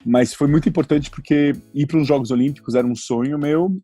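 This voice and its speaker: A man's voice: on the high side, a little fast, mellow, dry recording, soft background music. A man in his forties from São Paulo, talking about travel as a podcast guest, often restarting his sentences. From Brazil (São Paulo). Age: 40s. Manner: hesitant, many restarts and fillers. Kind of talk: casual interview talk.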